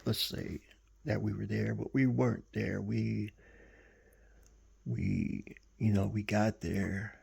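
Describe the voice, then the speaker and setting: Male vlogger, low, gravelly voice; loose, rambling storyteller who stumbles and restarts. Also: fairly bright tone. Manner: rambling, halting, full of fillers and self-corrections. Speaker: vlogger recounting a dream. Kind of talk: casual storytelling.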